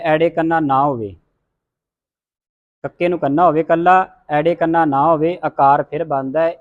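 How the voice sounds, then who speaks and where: Heard over phone-quality sound, a man with a fairly high voice and a Punjabi accent teaches a class how to say scripture words. He is a Gurbani pronunciation teacher who sounds out letters and has the group repeat them in a recitation lesson.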